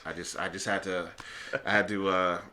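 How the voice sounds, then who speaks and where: A man hosting a podcast in casual chat, slangy and quick to laugh. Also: sits low, flat delivery, sharp tone. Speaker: podcast host.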